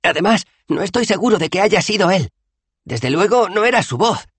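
A man voicing a calm, good-natured male tourist who speaks in a light, soothing way. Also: sits high, normal speed, husky, no room sound, voice pushed up, heavily acted. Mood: reassuring.

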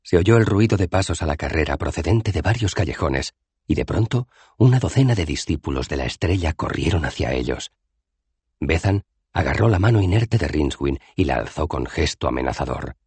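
A man with a husky voice narrating an audiobook in a measured, expressive reading. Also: extremely low pitch, no echo. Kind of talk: scripted narration.

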